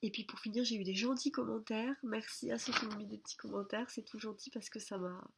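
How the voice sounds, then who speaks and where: A woman speaking softly, almost whispering, in a late-night video diary. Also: a little high, fairly even intonation, a little fast, gravelly, very noisy. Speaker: vlogger.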